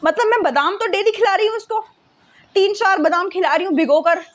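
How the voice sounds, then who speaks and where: A young woman tells a personal storytime in a high, bright voice. She is animated and self-mocking, and she drops English words into her speech. The delivery is relaxed and chatty. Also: a little fast. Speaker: content creator. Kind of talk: casual storytime.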